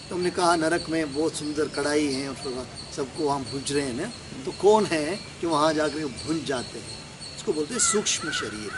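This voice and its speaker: A man giving a religious discourse, explaining scripture verses line by line and asking and answering his own questions. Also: on the high side. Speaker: spiritual teacher. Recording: clear background noise with crickets.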